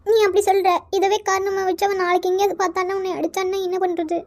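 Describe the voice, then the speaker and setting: A crying mother of a grown son in an animated series. Her voice sits very high with little rise and fall, and she runs her worried scolding together at a quick clip. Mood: tearful worry. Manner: pleading, scolding, fast-talking. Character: worried tearful mother of a college boy. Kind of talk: cartoon voice acting.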